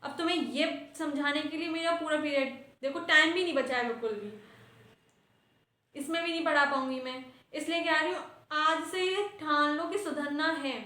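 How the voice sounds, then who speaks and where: A woman with a high voice plays a strict schoolteacher in a comic sketch. She lectures and scolds her class, and the sound rings in an echoey room. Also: normal speed, pushed and bright. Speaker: sketch performer playing a teacher. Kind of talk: scripted comedy sketch.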